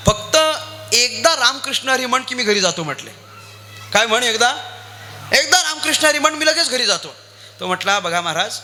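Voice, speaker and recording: A man's voice: high voice, sharp tone. A man preaching a devotional kirtan sermon, telling a story and acting out its dialogue.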